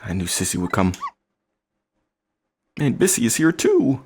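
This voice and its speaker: A man voicing a small, cheerful girl in a game dub, squeaky and childlike. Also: wildly swooping pitch, measured pace, a little mellow, slight background noise. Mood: happy.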